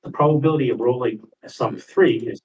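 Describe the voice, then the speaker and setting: A man's voice: medium pitch, fast, a loud crowd. A man reading a scripted lecture, heard as an echo of a video replayed through a second device's microphone. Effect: echo of a video replayed through a second device's mic. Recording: distant echoey replay over room noise.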